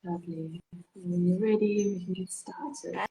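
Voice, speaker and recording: A woman from South Africa hosting a live online interview, speaking gently with soft guiding prompts and frequent hums. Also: fairly low pitch, fairly even intonation, unhurried, rough recording. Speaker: host, cacao facilitator.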